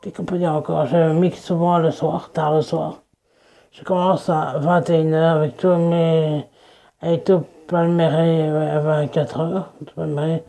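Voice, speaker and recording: Video creator, DJ persona, casual self-introduction, rambling, restarts sentences, creaky gravelly voice, mellow dark tone. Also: medium pitch, flat delivery, unhurried.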